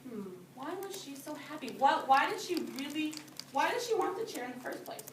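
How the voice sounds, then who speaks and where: In a high, expressive voice and at a brisk clip, a woman reads a storybook aloud to young children and goes over it with them, patient and simple, repeating their answers back. She is a preschool or early grade teacher in an indoor room with the kids. The sound, from a phone or camera at a distance, is roomy and noisy.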